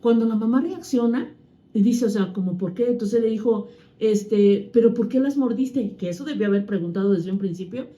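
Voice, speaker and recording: A woman's voice: medium pitch, normal speed, mellow. A woman, co-hosting a casual chat as a mother and teacher, telling anecdotes with a moral. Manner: conversational storyteller who tells anecdotes with a moral.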